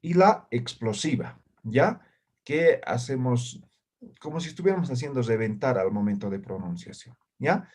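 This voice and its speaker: A man teaching a language class over a video call. He is patient, checks in constantly with short tag questions, and says practice syllables loudly and distinctly. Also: mid-range voice, animated, moderate pace. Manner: patient, ends phrases with "¿ya?" and "¿no?". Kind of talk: online class.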